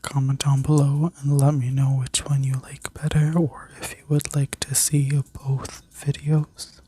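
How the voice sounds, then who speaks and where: A woman whispering a soothing guided meditation in an ASMR style, like a sleep story narrator, gently giving instructions with a breathy voice. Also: a bass voice, level tone, a little slow, slight background noise. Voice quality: breathy, mostly unvoiced whisper. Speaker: ASMR reiki healer and video host.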